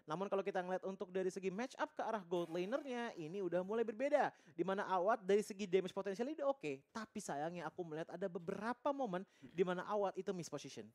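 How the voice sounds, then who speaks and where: A man's voice: sits high, animated, fast, a little mellow. A man giving wordy, explanatory esports analysis as a game commentator.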